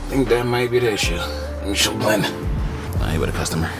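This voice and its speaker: A man's voice: on the low side, fairly quick, loud music behind the voice. A man narrating a casual car vlog, explaining things in slang as he works. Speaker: car vlogger.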